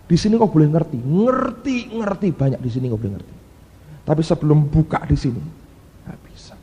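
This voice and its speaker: A male preacher, his slightly high voice swinging widely in pitch and breaking into sudden exclaimed cries. His tone is dark and mellow, and it rings out with the long reverb of a large hall. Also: lively intonation, fairly quick, dull audio. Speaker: pastor. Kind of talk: sermon.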